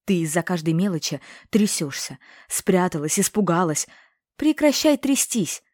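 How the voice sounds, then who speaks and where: Fierce, bossy witch, woman reader voicing her sharp and commanding, in a dry, warm-toned read. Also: lowish voice, sing-song, normal speed, dry recording. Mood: insistent.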